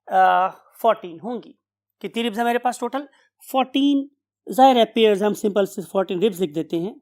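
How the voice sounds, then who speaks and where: Slow, patient woman teaching biology. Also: a little high. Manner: asks students questions then answers them, checks with "right?"; mixes English terms into the explanation. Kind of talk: classroom lecture.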